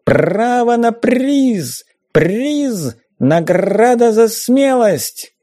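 A man voicing an excitable male parrot that squawks short shrill words in an audiobook. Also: extremely slow, heavily acted. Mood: squawking.

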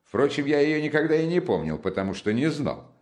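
A man voicing an excitable, talkative young man who rattles on with teasing, boastful animation in an audiobook. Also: a little high, brisk, voice pushed up. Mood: excited. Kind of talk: audiobook character reading.

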